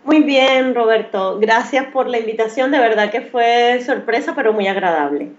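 A woman's voice: a little high, moderate pace. A woman in her thirties from Venezuela with a Maracaibo accent, a makeup artist answering interview questions hesitantly, with many restarts. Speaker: guest, professional makeup artist. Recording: slightly dull, lo-fi sound.

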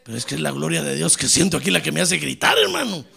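A man preaching as a pastor in a church, a fiery Pentecostal sermon that swings from quiet asides to shouted exclamations. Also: fairly high pitch, big pitch swings, fast talker, vocal fry, slightly rough.

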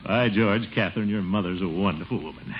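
A man's voice: fairly low pitch, fast, close to an everyday voice. A man playing a pompous, jovial middle-aged city official in a 1940s radio comedy, chuckling and blustering, and crooning a ballad. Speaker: lead character singing a ballad. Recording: dull old radio broadcast with loud music.

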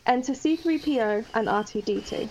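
A woman narrates stage directions and rhymed verse for a homemade table read. Her voice sits slightly high, and she reads briskly and cheerfully. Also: darkish tone, dull audio, slight background noise.

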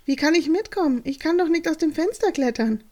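A woman's voice: sits high, expressive, brisk, warm tone, voice pushed up. A woman voicing a curious little boy who asks wondering questions in a bedtime story.

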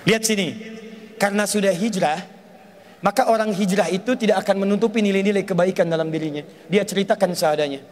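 Guy preaching a sermon, storytelling, high voice, lots of hall echo. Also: quick pace. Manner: animated, addresses audience with questions. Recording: long hall reverb.

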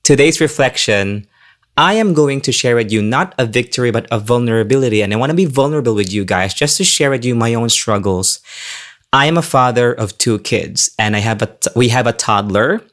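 A man's voice: medium pitch, lively intonation, a little fast, a bit bright. A young man, a faith community leader giving a candid, confessional reflection and a prayer, with many restarts.

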